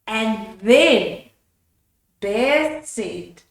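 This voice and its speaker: An older woman hosts a children's read-aloud, sharing a bedtime book with young kids and explaining the pictures in simple words. Her voice is fairly high and animated, with drawn-out words and a roomy sound.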